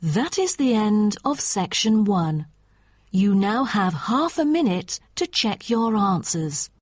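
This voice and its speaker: Slow, husky female exam announcer. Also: medium pitch, very animated, dry recording, studio quality. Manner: formal, deliberate announcing. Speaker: exam narrator. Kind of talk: scripted test instructions.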